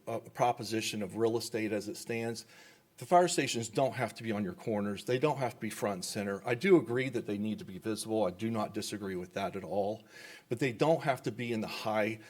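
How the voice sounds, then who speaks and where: A man's voice: on the low side, normal speed, darkish tone. A man, a property developer, giving upbeat, salesmanlike remarks at a public government meeting. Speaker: developer speaking at public comment.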